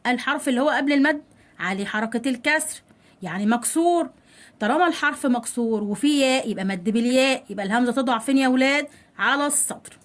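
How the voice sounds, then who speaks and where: A woman with an Egyptian Arabic accent teaches a children's spelling lesson, her voice sitting a little high. She coaxes the kids along by posing questions and answering them herself. She draws out each example word slowly. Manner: coaxing, addresses kids directly.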